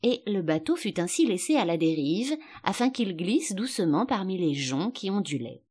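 A woman narrating a storybook in a measured, expressive reading. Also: mid-range voice, breathy edge. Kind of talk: scripted audiobook narration.

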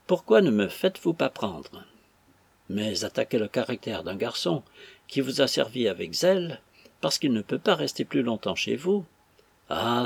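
A man's voice: medium pitch, creaky, slightly rough, dry recording, heavily acted. A man doing a whiny young servant. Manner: whining, tearful protest. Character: whiny young male servant, touchy, self-pitying.

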